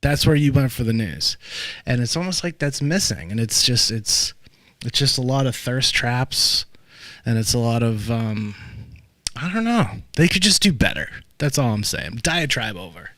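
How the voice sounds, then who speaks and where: A man's voice: medium pitch, very animated, moderate pace, fairly bright tone, dry recording. A man hosting a podcast interview, chatting loosely with lots of fillers and restarts. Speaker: podcast host.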